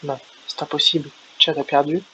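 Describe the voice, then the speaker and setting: A man's voice: fairly high pitch, flat delivery, fairly quick, bright, forceful tone. A man voicing a determined teenage swordsman hero, reading game dialogue aloud in a plain, earnest way, on a lo-fi recording. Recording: lo-fi with faint hiss.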